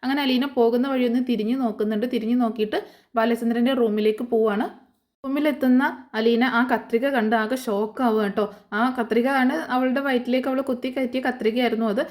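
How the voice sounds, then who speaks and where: A woman's voice: on the high side, steady tone, quick pace, a little mellow. A woman casually retelling a TV serial episode in a chatty way, adding friendly tag words to her sentences. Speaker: serial recap storyteller.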